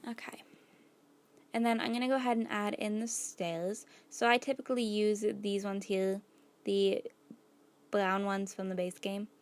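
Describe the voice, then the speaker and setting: A woman's voice: mid-range voice, fairly even intonation, a little slow. A woman losing her voice, casually narrating a build video as host and thinking aloud as she works, with many "like"s and "gonna go ahead"s. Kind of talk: casual gameplay voice-over.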